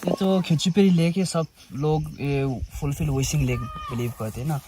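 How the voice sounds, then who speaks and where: A man's voice: on the high side, fairly even intonation, moderate pace, dark tone, soft background music. A man casually explaining a local custom, mixing in English words as he talks.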